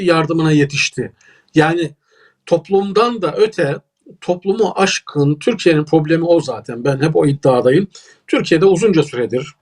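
A man's voice: on the high side, a little mellow. A man with a Turkish accent, a political scientist giving emphatic, lecturing analysis as an interview guest.

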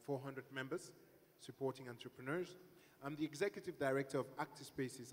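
A man from Cameroon introducing himself on a conference panel, steady with some fillers, on a handheld mic in a large hall. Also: mid-range voice. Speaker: panelist, hub director. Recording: long hall reverb.

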